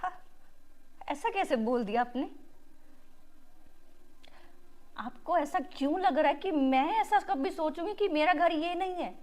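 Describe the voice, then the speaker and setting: An actress playing a stubborn, quick-tempered young daughter-in-law who argues and sulks in a family drama. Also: female voice, lively intonation, darkish tone. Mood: hurt. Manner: sulky and argumentative, pitch jumps when upset. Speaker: actress in a family short film. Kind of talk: Hindi short-film drama acting.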